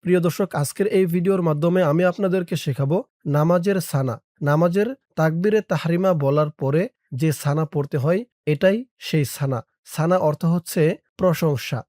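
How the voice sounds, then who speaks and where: A man teaching prayer recitation, spelling words syllable by syllable and chanting them slowly. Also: a little high, a little mellow, no echo, studio quality. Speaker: religious teacher. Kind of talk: spelling lesson in Arabic recitation.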